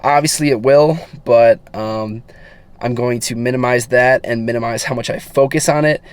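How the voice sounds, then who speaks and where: A man's voice: medium pitch, steady tone, moderate pace, smooth. A teenage boy turning eighteen, talking casually and earnestly to his viewers, rambling with many fillers and restarts. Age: teens. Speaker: fitness vlogger. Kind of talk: casual talk to camera.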